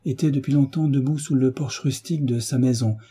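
Narrateur à la voix sombre et voilée. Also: male voice, medium pitch, fairly even intonation, a little fast, warm tone, slightly rough. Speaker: audiobook narrator. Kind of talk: literary reading.

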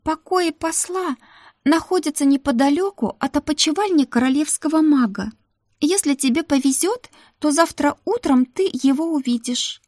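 High-pitched young maid, voiced by a woman, timid, anxious, soft-spoken, dry booth sound. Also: moderate pace, no room sound, lightly acted. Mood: chatty.

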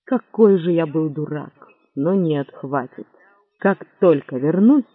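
A man voicing a flustered, hapless young gentleman who talks eagerly and stammers when pressed. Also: fairly high pitch, lively intonation, slow, slightly rough, no echo, full character voice. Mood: rueful. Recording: dry, tinny narrow-band audio.

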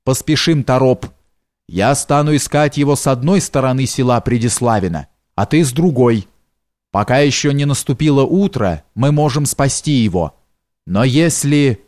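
A man's voice: medium pitch, moderate pace, a little mellow, no echo, clean studio sound, natural voice. A man voicing a stern, impatient nobleman who barks commands and questions in a storybook reading. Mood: urgent.

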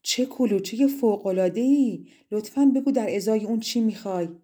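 A woman voicing a haughty, greedy princess in a fairy-tale audiobook, exclaiming loudly and mocking slyly. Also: deep voice, close to an everyday voice. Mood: eager.

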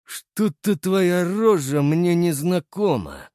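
A man's voice: sits high, big pitch swings, takes it slowly, a little mellow, no echo, voice pushed up, full character voice. Male narrator playing a big growling thug, heavy-handed, dry close sound. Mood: gruff. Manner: growling, bullying. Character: hulking hungover village thug, gruff and suspicious.

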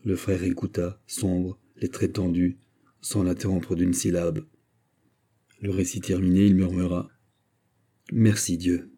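Casting: male audiobook narrator, measured literary delivery, dark, husky tone. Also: low voice, level tone. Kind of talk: audiobook reading.

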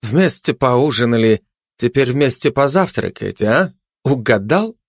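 A man's voice: medium pitch, animated, measured pace, no room sound, studio quality. A man voicing a scheming male dog who talks with smirking irony. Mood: ironic. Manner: ironic, smirking.

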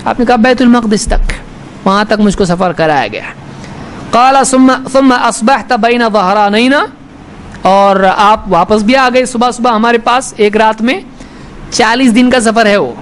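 A man with a very high voice delivers a sermon, reading Arabic lines and retelling them in everyday Urdu. He shifts his tone to play the people in the story. Faint background noise with passing vehicles sits behind him. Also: a bit bright. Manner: quotes Arabic text then explains in colloquial Urdu; acts out the speakers in the story with changing tone. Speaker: Islamic preacher.

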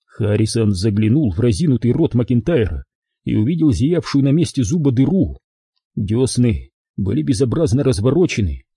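A man's voice: mid-range voice, very animated, normal speed, warm tone, husky, no echo, clean studio sound. A man narrating a crime audiobook expressively, giving every character his own voice.

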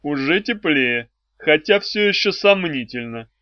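Here the dark lord is mocking and sure of himself, played by a man with a fairly high, expressive voice who takes his time and keeps an ironic dryness. It comes from a dry, somewhat dull audiobook recording.

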